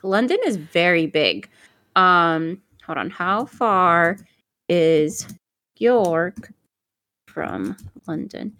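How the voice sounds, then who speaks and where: Lower-pitched woman cohost, rambly casual chat, swears a lot. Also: animated, extremely slow, long pauses, a bit bright, no room sound, studio quality. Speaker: podcast co-host.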